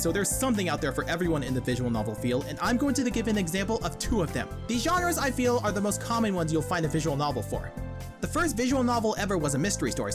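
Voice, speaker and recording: An irreverent video essayist with a mid-range voice delivers scripted comedic narration, animated and fast-talking. His manner is wry and irreverent, with light background music playing underneath.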